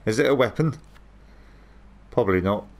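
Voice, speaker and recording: Man commenting on gameplay, low voice. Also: moderate pace. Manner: relaxed, chatty, swears at the game.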